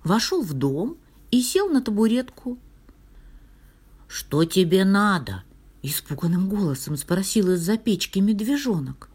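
A woman reading a fairy tale aloud in a soft, half-whispered, expressive storytelling voice. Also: mid-range voice, normal speed, husky.

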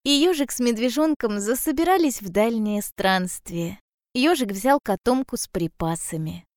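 A woman reading a fairy tale aloud in a calm, measured storytelling manner. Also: fairly high pitch, dry recording, clean studio sound.

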